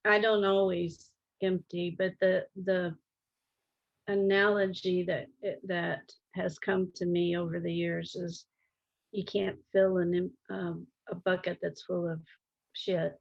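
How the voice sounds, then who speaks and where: A middle-aged or older woman speaking in a calm, gentle, reflective way in an interview, halting as she searches for words. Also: on the low side, gravelly, lo-fi sound. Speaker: interview guest.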